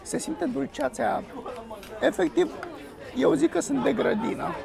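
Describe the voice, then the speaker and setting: Seated on an outdoor restaurant terrace, a young food vlogger talks to a camera on his table, exclaiming with enthusiasm as he samples dishes. His voice is extremely high and gravelly with lively intonation. The crowd of diners chatters in the background.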